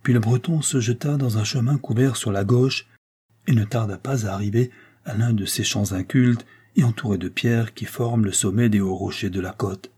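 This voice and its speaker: A man narrating a historical novel in a steady, measured manner. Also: lowish voice, husky. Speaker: audiobook narrator. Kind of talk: literary narration.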